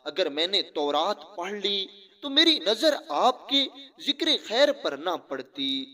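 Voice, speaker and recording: A man's voice: high voice, very animated, pushed and bright, full character voice. A man voicing an aged male scripture scholar who speaks in an earnest, pleading, lamenting way in a spoken religious story.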